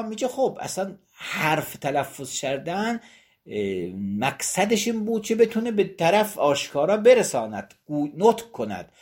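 A man teaching as a seminary lecturer. He reads Arabic passages aloud, then explains them in plain terms, repeating and rephrasing his points with frequent pauses. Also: a little high, a little mellow, slightly rough. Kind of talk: teaching a text on Islamic law.

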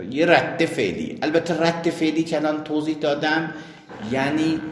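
A man's voice: fairly high pitch, slight background noise. A man teaching a jurisprudence lesson, who explains with worked examples and asks and answers his own questions. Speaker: seminary teacher. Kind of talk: jurisprudence lecture. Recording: echoey hall.

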